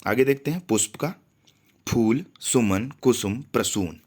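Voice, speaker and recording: A man's voice: mid-range voice, a little mellow. A man teaching a grammar lesson for exam preparation, reading out lists of synonyms one word at a time and stressing careful pronunciation. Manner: slow, deliberate listing with frequent pauses and repetitions.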